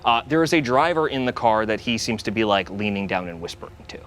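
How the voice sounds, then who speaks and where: A man working as game master, improvising tabletop story narration in a halting, deliberate way. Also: lowish voice, lively intonation, a bit bright, a little hiss or hum.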